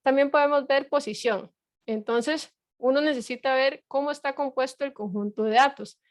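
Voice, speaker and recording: A university lecturer in middle age speaks in a high voice at a normal pace, giving an online class. Her patient explanations are full of fillers and rhetorical checks, captured in studio quality with no room sound.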